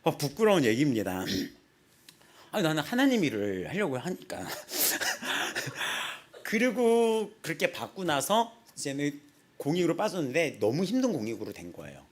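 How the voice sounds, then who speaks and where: A young man in his twenties preaching a casual sermon in a small church, telling personal stories with lively acted-out quotes and frequent laughter. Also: a little high, unhurried. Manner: animated storytelling, acts out quotes, laughs often. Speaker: pastor.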